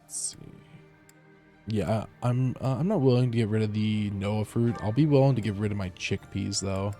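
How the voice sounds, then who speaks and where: A man's voice: lowish voice, moderate pace, dark tone, faint music behind. A man streaming from home through a headset mic, chatting casually as he plays, rambling with lots of fillers and restarts. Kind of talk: casual live gameplay commentary.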